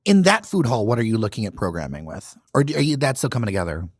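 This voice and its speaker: Male podcast host, lively pitch, dry close mic, curious questions. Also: fast, slightly rough, no echo. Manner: curious questioning, light joking. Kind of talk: conversational interview.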